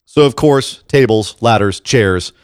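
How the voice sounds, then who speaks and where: A man co-hosting a podcast, talking in a casual, animated way about wrestling and laughing easily. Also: on the low side, a little slow, clear, resonant tone, no room sound, clean studio sound. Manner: animated, excitable, breaks into laughs. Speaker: podcast co-host.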